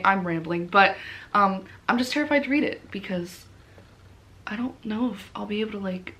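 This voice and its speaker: A tired woman with a mid-range, fairly bright voice chats casually to camera as a book vlogger. Her talk about books is informal, rambling and self-deprecating.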